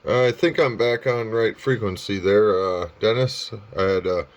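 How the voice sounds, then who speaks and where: A man's voice: lowish voice, lo-fi sound. Man over fading shortwave radio. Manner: relaxed, halting with many fillers. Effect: fading shortwave radio signal. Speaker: amateur radio operator. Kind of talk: casual ham radio contact. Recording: static-filled shortwave radio reception.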